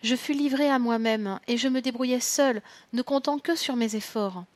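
A woman's voice: fairly high pitch, normal speed, no echo, lightly acted. A woman voicing a serene young brother who has died, explaining things steadily and patiently in a storybook reading. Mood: calm.

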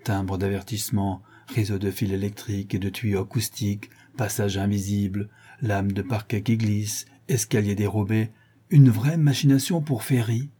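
A man reading a cocky, playful gentleman burglar with theatrical, mocking flourishes. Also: on the low side, steady tone, normal speed, husky. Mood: scheming.

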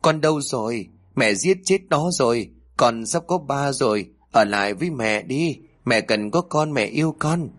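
A man voicing a cruel, frantic woman in a horror story, shrill and sobbing. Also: big pitch swings, unhurried, a bit bright, husky, heavily acted.

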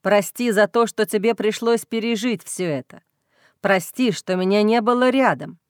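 A woman voicing a young male werewolf alpha, intense and tender, in a lowered, hushed voice for an audiobook. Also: normal speed, no room sound, studio quality, lightly acted. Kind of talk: audiobook reading.

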